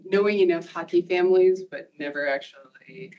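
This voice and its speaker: A woman's voice: fairly low pitch, normal speed. Friendly woman, distant and dull. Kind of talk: casual chat.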